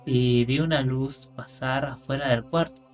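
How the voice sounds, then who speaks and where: A man reading horror stories aloud in calm scripted narration, rising for the tense moments. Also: medium pitch, a little slow. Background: faint music.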